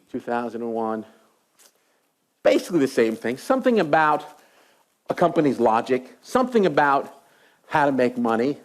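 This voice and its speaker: A man's voice: medium pitch, darkish tone. A middle-aged man giving a university lecture, telling stories with animation and asking the audience rhetorical questions. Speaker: associate professor lecturing.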